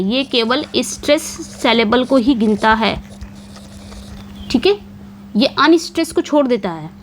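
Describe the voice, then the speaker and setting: A woman teaching English literature for an exam, posing questions and answering them herself. She repeats key points and reads the English quiz questions slowly. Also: a little high, slight background noise. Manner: repeats key points with frequent check-ins. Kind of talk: exam-prep lecture.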